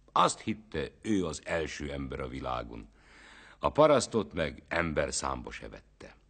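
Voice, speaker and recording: A man with a very deep, husky voice reads a folk tale aloud. His delivery is animated and expressive, with a wide, lively pitch range that keeps the story moving.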